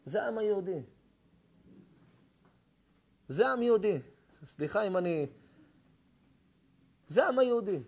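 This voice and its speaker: A high-voiced male rabbi preaching a Torah lesson. He tells stories with strong emotion, drops to near-whispers, then rises to fervent shouts. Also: animated, gravelly, long pauses. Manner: emotional storytelling, swings between hushed and shouting.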